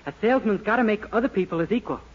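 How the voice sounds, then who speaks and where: An American man plays a naive, cheerful young small-town clerk in the style of 1940s radio comedy, sounding eager, boyish, chirpy and pleased with himself. His voice is high-pitched, husky and expressive, and he races along. The recording is muffled and noisy, like a 1940s radio broadcast.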